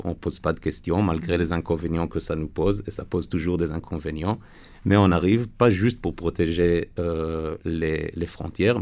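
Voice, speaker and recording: A man with a low, creaky voice and a foreign accent in French gives earnest interview answers. He is not a native speaker, and his phrasing halts as he looks for the right word. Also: a little mellow. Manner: earnest, halting phrasing with searching for words. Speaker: interview guest, lawyer and reservist.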